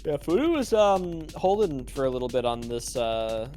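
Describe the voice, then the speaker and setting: A man's voice: medium pitch, sing-song, moderate pace, dark tone. Give me a young Massachusetts-accented man casually commentating a match, with faint music behind. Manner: chatty, laughs easily, hedges with fillers. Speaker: tournament commentator.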